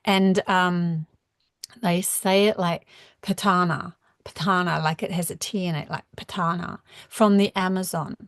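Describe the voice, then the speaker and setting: A woman with a New Zealand accent giving a rambling live-stream spiritual talk, full of halting restarts. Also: on the low side, fairly even intonation, smooth, no room sound, studio quality. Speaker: spiritual channeler.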